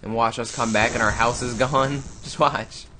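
Here a gaming YouTuber, a young Canadian man, chats casually through a let's-play, addressing both himself and his audience up close on the mic. The voice is medium-pitched, steady and sharp, delivered at a moderate pace over slight background noise.

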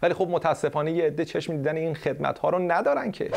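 A man's voice: a little high, creaky, background noise. A man hosting a satirical comedy show, delivering a mocking, sarcastic monologue.

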